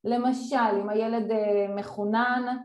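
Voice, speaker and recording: A woman speaking as a guest expert in a conversation, explaining things in a measured way with frequent fillers. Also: a little high, steady tone, a little mellow. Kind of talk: casual conversation. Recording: roomy echo.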